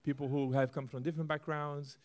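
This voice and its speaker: Here the Brazilian speaker's voice runs on the high side and fairly quick. Addressing a congregation in Brazilian Portuguese-accented speech, he shares his church-plant vision with eager, lively sincerity and some self-mocking jokes.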